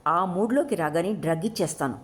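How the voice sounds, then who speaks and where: A woman's voice: on the low side, expressive, brisk, lightly acted. A woman reading a story, voicing a self-assured male hippie who lectures in a matter-of-fact way. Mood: lecturing.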